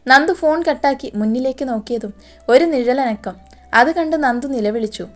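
A woman narrates a scripted romance story in a calm, even reading voice. Her pitch sits somewhat high. Faint background music runs under the narration. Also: brisk.

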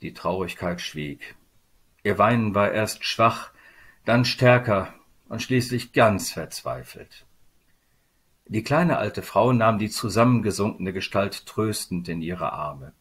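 Calm guy reading a storybook out loud, kinda husky voice, quiet and subdued. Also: lowish voice, takes it slowly. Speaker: narrator.

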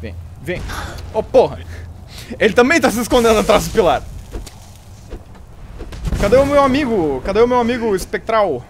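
A young Brazilian man commenting live on a video game in a high voice that swings widely in pitch. He swears freely, laughs, and taunts his foes. Steady noise runs under his stream audio. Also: normal speed, pauses often. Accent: Brazilian Portuguese.

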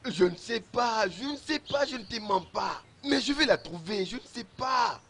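A man's voice: high voice, lively intonation, moderate pace, fairly bright tone, slightly rough, heavily acted. A defensive, pleading young king. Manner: hesitant, defensive, repeats himself. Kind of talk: French dub of a film.

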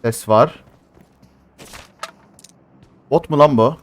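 A man's voice: mid-range voice, very slow, background noise. A man giving casual live commentary on a mobile shooter game, grumbling to himself and flaring into exasperated outbursts.

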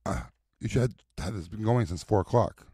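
A man's voice: on the low side, fairly quick, a little mellow, slightly rough, no echo, clean studio sound. A man, a voice performer, chatting casually and rambling, stumbling and repeating words. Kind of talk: casual chat.

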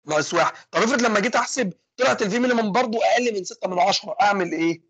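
Fast-talking Egyptian man lecturing. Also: sits high, a bit bright, slightly rough, dry recording. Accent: Egyptian Arabic. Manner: fast, asks and answers his own questions. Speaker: engineering lecturer. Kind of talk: online lecture with student questions.

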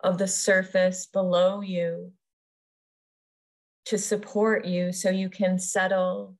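In a lowish, level voice, a woman guides listeners through a yoga nidra meditation. She is soothing and unhurried, pausing between short phrases.

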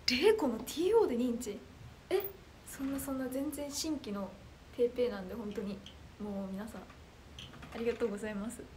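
A young woman hosting a casual livestream and answering her viewers' comments. Her voice is high and anime-like, loud and clear enough to carry easily. She reacts to each comment in a bubbly, excitable way. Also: fairly quick, a little hiss or hum.

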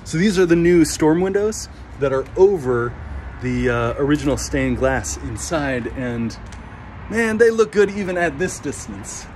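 This is a relaxed, chatty walking tour through an old stone church building, indoors and on its roof, led by a minister in his thirties filming himself on a phone at arm's length. His voice sits fairly high and comes a little slowly, with slight background noise.

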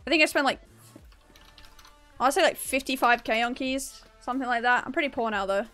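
A woman's voice: sits high, brisk, fairly bright tone, faint music behind. Chatty upbeat young woman streamer. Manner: chatty, upbeat, laughs often, talks to chat. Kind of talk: casual live-stream chat while gaming.

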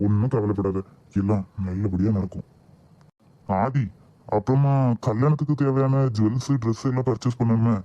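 A man's voice: mid-range voice, moderate pace, long pauses, warm tone, natural voice. A man voicing a kindly old grandfather with a Kanyakumari Tamil accent in a cartoon, speaking in a reassuring, fatherly way. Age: older.

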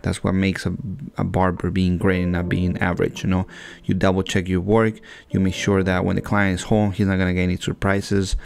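A man's voice: deep voice, completely flat delivery, brisk, gravelly, darkish tone. A young man, a barber, talking casually over haircut footage in a rambling way with many fillers and restarts.

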